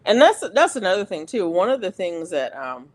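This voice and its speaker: A livestream host chatting casually and rambling, with many restarts and fillers, who gets animated when venting. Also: medium pitch, normal speed.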